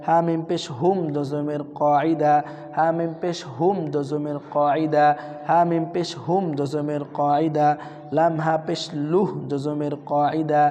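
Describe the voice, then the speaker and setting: A man teaching Quran reading, spelling out letters and repeating each syllable three times in a slow, drilled lesson. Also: fairly high pitch, mellow. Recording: long hall reverb.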